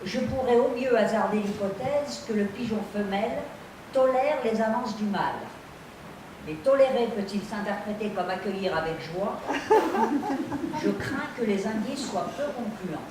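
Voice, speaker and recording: An actress playing a dry, precise woman who speaks with deadpan, formal wit. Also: medium pitch, moderate pace, lightly acted. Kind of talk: stage comedy scene. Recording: distant mic in an echoey theatre, audience noise.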